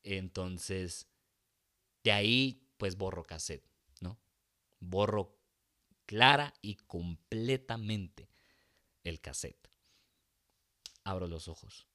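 A man spins a rowdy comic anecdote in a fairly low voice. He swears freely, mocks himself, and jumps into shouted bits as he acts out the scene. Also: extremely slow, pauses often. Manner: crude, profane, self-mocking, acts out shouts. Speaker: storyteller.

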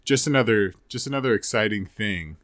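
Deep-voiced man co-hosting a podcast. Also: fairly quick, no echo. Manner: relaxed, hesitant, lots of fillers. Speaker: podcast co-host. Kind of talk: casual podcast chat.

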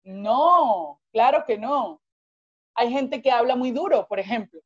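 A woman appears as a guest life coach on a podcast, explaining things at length in an expansive, animated manner and acting out examples. Her voice is fairly high and slow, and the high frequencies are cut off.

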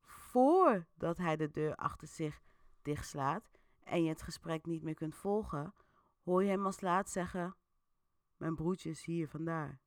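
A woman's voice: fairly low pitch, lively intonation, a little slow, clear, resonant tone, no echo, studio quality. A woman hosting an interactive story, narrating casually with a chatty, playful manner and many fillers. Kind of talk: casual storytelling with audience votes.

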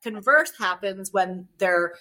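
A woman's voice: medium pitch, animated, slow pace, a loud crowd. A woman divorce coach on a podcast, explaining in an earnest way and often checking in with "right?". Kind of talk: podcast interview.

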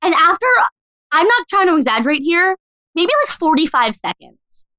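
Bright, high-pitched animated woman storyteller. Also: no room sound. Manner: animated, fast, full of "like" and acted-out quotes. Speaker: podcast co-host. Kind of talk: casual storytelling chat.

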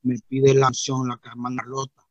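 A man's voice: medium pitch, completely flat delivery, a little fast, dull audio, close to an everyday voice. A man playing a naive rustic churchgoing man, telling a rambling comic story full of repeated "mire" and acted-out voices. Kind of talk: comic character monologue.

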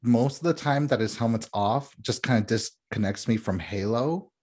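A man's voice: mid-range voice, normal speed, darkish tone, husky. A man co-hosting a podcast in casual chat, giving blunt, candid opinions. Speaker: podcast co-host.

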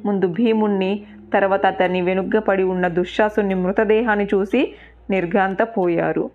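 A woman's voice: medium pitch, steady tone, normal speed, darkish tone. A woman narrating an episode of an epic story in a dramatic, vivid storytelling manner. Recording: tinny phone-like sound with faint music.

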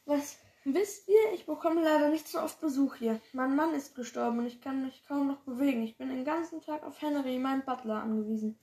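A kind, lonely old widow speaks from a storybook in a friendly, gentle tone, put on by a woman reading aloud. The voice sits high and bright. A roomy echo hangs around it. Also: brisk, few pauses.

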